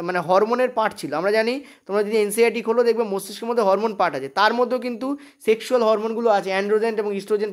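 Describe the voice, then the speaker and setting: A fast-talking teacher with a West Bengal Bengali accent runs through an online exam-prep lesson at a quick clip. The voice sits at an ordinary middle pitch. It keeps checking in with the students and mixes English words into its Bengali. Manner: brisk, repeats "okay?" checks, mixes in English terms; thinks aloud while checking notes.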